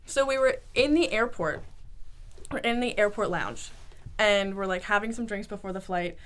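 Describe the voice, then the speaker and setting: Woman cohost telling a story, bright sharp voice, swears a lot, says like constantly. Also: medium pitch, normal speed. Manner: animated, swears freely, lots of "like". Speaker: podcast co-host. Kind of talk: casual storytelling chat.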